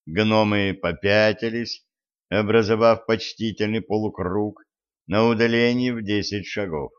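A man narrating a fantasy audiobook in a low voice at a slow, measured pace. The recording sounds dull and muffled, as if lo-fi. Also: fairly even intonation, clean tone.

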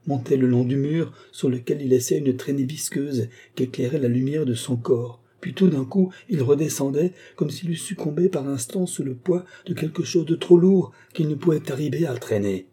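A man's voice: medium pitch, dark tone, husky, pitched above the performer's own voice, close to an everyday voice. A man doing a frightened old gardener. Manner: agitated, pleading, rising with fear. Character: frightened older male gardener, breathless witness.

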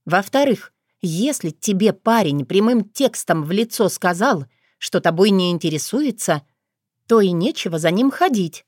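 A woman's voice: mid-range voice, expressive, normal speed, darkish tone, dry recording, studio quality, natural voice. A woman voicing a grown-up older sister in an audiobook, speaking in a teasing, blunt, lecturing way. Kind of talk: audiobook character voice.

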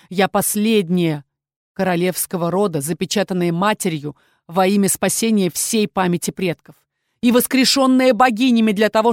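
A woman voicing a calm, proud female shadow-dragon in an audiobook, speaking in a steady, dignified way. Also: medium pitch, no room sound, clean studio sound, lightly acted.

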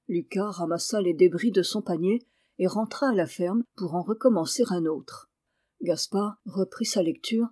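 A woman reading a classic children's novel aloud, in a clear, measured way. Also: medium pitch, warm tone, no echo, studio quality. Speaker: reader.

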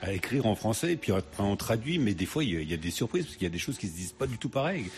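A man's voice: on the low side, sing-song, very fast. A man hosting a casual radio interview, chatty, with frequent fillers and laughs. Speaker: radio host.

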